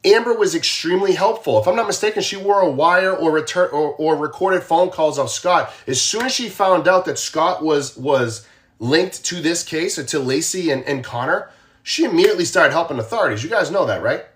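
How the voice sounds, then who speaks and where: This true crime livestreamer, once a police officer and speaking with a Boston accent, has an animated voice on the high side and a moderate pace. He keeps the talk conversational, repeating himself and asking his audience questions often.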